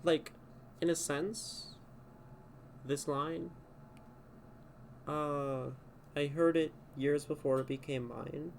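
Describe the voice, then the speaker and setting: Slowly and with fairly even intonation, a man whose voice sits on the high side critiques a poem on a live stream from home, leaving long pauses between thoughts. Vocal fry colors his speech, a slight hiss or hum runs underneath, and he rereads lines and tries out edits as he thinks aloud.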